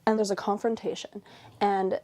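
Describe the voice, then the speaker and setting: A woman's voice: medium pitch, little pitch movement, normal speed, darkish tone. A woman giving a casual, chatty recap in a video, dropping in "okay" and "like" as she goes. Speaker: anime reviewer and vlogger.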